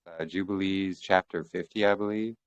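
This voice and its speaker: A man's voice: sits low, fairly even intonation, moderate pace, clean tone, dry recording. A man on a thin, fading call line, joining a Bible study discussion and explaining points at length while quoting scripture and restarting his phrases. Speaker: Bible study group member. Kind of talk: casual group discussion on a call. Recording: dull, dry lo-fi call audio.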